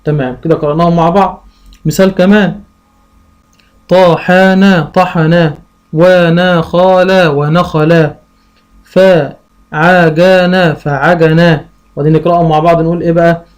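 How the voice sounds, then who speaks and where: A man with an Egyptian Arabic accent teaching parents how to teach reading, asking himself questions and drawing out syllables slowly. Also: on the high side, fairly even intonation, a little mellow. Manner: slow, drawn-out syllable sounding; asks and answers his own questions. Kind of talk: lesson for parents.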